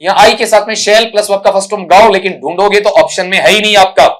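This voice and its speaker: A man's voice: high-pitched, fairly even intonation, quick pace, fairly bright tone. A man teaching an exam-prep English lesson, patiently answering student questions while writing out examples and addressing students affectionately. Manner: patient, repetitive, addresses students as "beta" and "bachcha".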